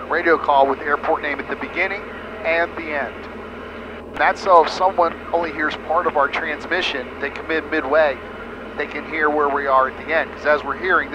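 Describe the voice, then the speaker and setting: This is a middle-aged American man with a voice on the high side, teaching flying hands-on and explaining each step over an aviation headset. The headset recording, made in a small airplane cockpit during flight, sounds muffled and carries engine noise.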